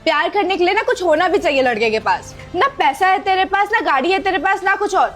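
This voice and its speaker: A woman's voice: very high-pitched, expressive, a little fast, a bit bright, soft background music. A woman playing an arrogant young woman who insults and scolds a poor servant with contempt. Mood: scornful. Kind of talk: scripted skit acting.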